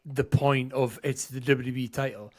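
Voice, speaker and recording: A man's voice: mid-range voice, steady tone, moderate pace, darkish tone. Thoughtful man on a wrestling podcast. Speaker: podcast co-host. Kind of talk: casual chat.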